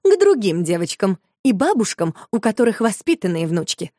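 A woman's voice: mid-range voice, big pitch swings, normal speed, warm tone, dry recording, studio quality. A woman voicing a prim, haughty grown lady who speaks with stiff formality.

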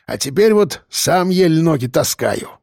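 A man voicing a kind, tired old man who speaks softly and soothingly, with heavy sighs. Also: on the high side, animated, moderate pace, vocal fry, no room sound, studio quality. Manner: soft, soothing, heavy-sighing. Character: kind, weary old grandfather.

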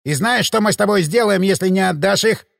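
A man's voice: high voice, brisk, creaky, dry recording, studio quality, long reverb tail, pitched above the performer's own voice. A man reading an audiobook and voicing a burly, menacing male thug who growls threats. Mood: threatening.

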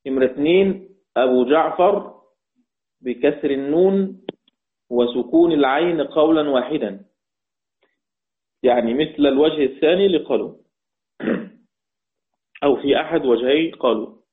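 A man with an Egyptian Arabic accent teaching the Quranic readings, repeating each point slowly and chanting verses in a drawn-out way. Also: fairly high pitch. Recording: tinny phone-like audio.

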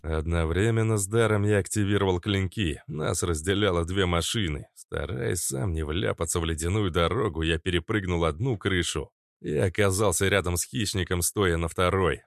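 A man narrating an adventure audiobook in the first person, steady and even, on a close studio mic. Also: low voice, vocal fry, no echo.

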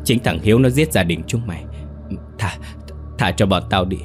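A man voicing a terrified old rich murderer who shouts and stammers pleas. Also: sits low, expressive, normal speed, faint music behind. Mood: stammering fear.

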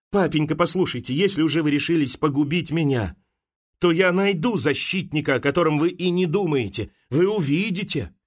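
A man's voice: sits high, pitched above the performer's own voice. A man reading an audiobook, voicing a frightened young noblewoman who pleads with her father in a raised, tearful voice.

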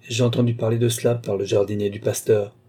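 A man's voice: on the low side, level tone, quick pace, mellow, slightly rough. A man voicing a scheming, greedy woman doctor who talks down coolly and sweetly, in an audiobook reading. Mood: coldly wheedling. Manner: coolly condescending, calls her "ma petite".

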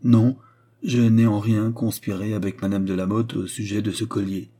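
A man's voice: lowish voice, little pitch movement, moderate pace, dark tone, lightly acted. A man voicing a courtly cardinal in an audiobook reading, speaking in an earnest, pleading, courteous way.

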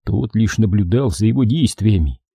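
A male audiobook narrator who reads at a steady, measured pace. His voice is very dark and husky and sits low. The recording is dry and close to the mic. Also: dry recording. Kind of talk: scripted narration.

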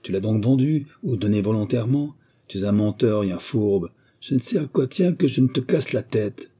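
A man voicing a threatening male wind spirit in a storybook reading, shouting commands. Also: fairly low pitch, steady tone, a little fast, natural voice. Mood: furious.

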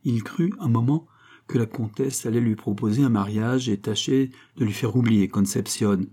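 Calm man reading an audiobook. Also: mid-range voice, moderate pace. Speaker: audiobook narrator. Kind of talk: scripted narration.

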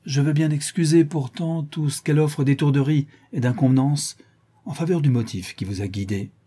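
Narrator doing a commanding old count, dark and husky voice, storybook reading. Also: male voice, fairly high pitch, moderate pace, pitched above the performer's own voice. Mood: authoritative. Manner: dry, commanding, sly. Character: stern but kindly aging count, governor. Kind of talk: audiobook reading.

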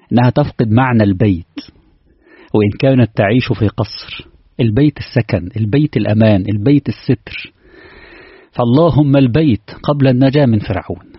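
A man with an Egyptian Arabic accent preaches quickly and earnestly, firing rhetorical questions at his congregation. His voice is husky and dry, close to the mic. The recording sounds dull and lo-fi. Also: medium pitch, dry recording. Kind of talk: conversational sermon.

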